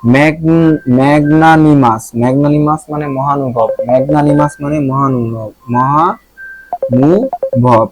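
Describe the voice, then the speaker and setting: A man's voice: fairly high pitch, fairly even intonation, moderate pace, a little mellow, soft background music, rough recording. A young man with a Bangladeshi accent teaching vocabulary in a casual lesson, thinking aloud and repeating words to check his pronunciation.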